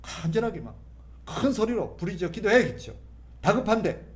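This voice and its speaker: A man preaching at a prayer meeting, his fairly high voice swinging widely between soft, prayer-like murmurs and emphatic bursts. He talks to the congregation as if chatting and answers his own rhetorical questions with force. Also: very animated, fairly quick. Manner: conversational preaching, often acting out sample prayers and voices. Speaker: pastor. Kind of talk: sermon at a Friday prayer meeting.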